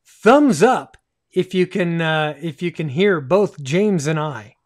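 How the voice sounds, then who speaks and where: A man in his fifties hosts a casual livestream from a small home radio room indoors, speaking enthusiastically and often repeating phrases for emphasis. His voice is on the high side and animated, and he takes his time.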